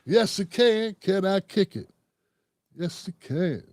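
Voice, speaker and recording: A man's voice: high voice, expressive, slow pace, darkish tone, no room sound. A man hosting his own commentary show, talking loosely and profanely, rambling and calling his viewers "fam". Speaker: host. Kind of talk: casual political commentary monologue.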